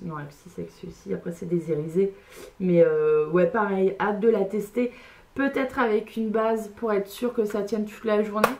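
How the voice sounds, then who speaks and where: Woman vlogger, casual haul chat, easygoing and hesitant, average pitch. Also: darkish tone. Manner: chatty, hesitant, with many fillers. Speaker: beauty vlogger. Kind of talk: casual makeup haul unboxing.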